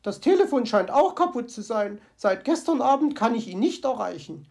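Gossipy storybook magpie, excited chatter, pitched up; woman reader voices her. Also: normal speed, vocal fry. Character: gossipy female magpie, Frau Elster. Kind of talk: storybook character voice.

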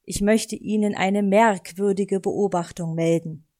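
Storybook raven voiced by a woman: strict, pompous male bird, formal speech, croaking tag, unhurried. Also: mid-range voice, steady tone, warm tone, lightly acted. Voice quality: croaks a "gra" at line ends. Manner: stiff and formal.

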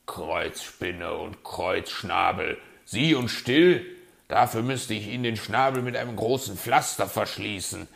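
A man voicing a grumpy, know-it-all male fox in a children's audio story, gruff and sardonic. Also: on the low side, animated, a little slow, a bit bright, exaggerated voice.

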